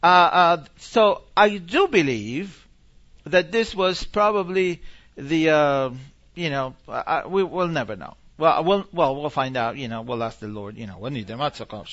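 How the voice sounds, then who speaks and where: A visiting preacher from Argentina teaches informally and fields questions, halting and animated, often repeating phrases. His voice sits a little high, and the recording sounds muffled.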